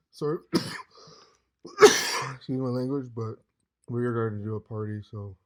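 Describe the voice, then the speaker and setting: A man in his late twenties talks in a slightly hoarse, loose and meandering way, as in a casual vlog. He drifts from thought to thought with a middling pitch. He throws in "dude" constantly. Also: a little slow, darkish tone. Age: 20s. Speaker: vlogger.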